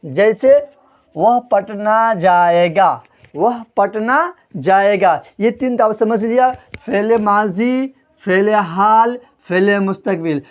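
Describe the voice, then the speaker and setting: A man's voice: high voice, highs cut off. A man teaching a grammar lesson at a board, who keeps asking the class questions, answers them himself and spells words out letter by letter. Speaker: Urdu teacher.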